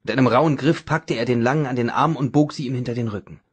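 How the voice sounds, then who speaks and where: A man reading a novel aloud as audiobook narrator, in a dramatic, even manner. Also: mid-range voice, fast talker, slightly rough. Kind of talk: scripted narration.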